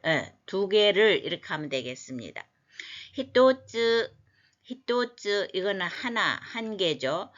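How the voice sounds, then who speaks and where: A woman teaches scripture phrases at an unhurried pace. She breaks each one down word by word and repeats it for learners. The recording sounds slightly dull and lo-fi. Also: fairly low pitch, a bit bright. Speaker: language teacher. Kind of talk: scripture language lesson explained word by word.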